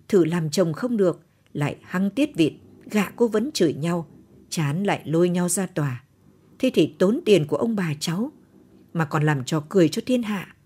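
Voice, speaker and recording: A woman's voice: on the low side, mellow, husky. A woman voicing a cheeky young grandson, teasing and gossiping in an audio storybook.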